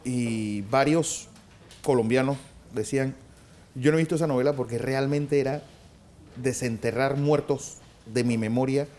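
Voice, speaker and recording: A man's voice: mid-range voice, unhurried, darkish tone. A man interviewing a guest and asking direct questions. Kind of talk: news interview.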